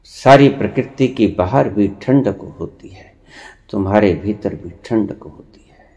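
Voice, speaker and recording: A man giving a spiritual discourse, slow and deliberate with long pauses, lecturing and rebuking his listeners. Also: on the low side, mellow, highs cut off. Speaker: spiritual teacher.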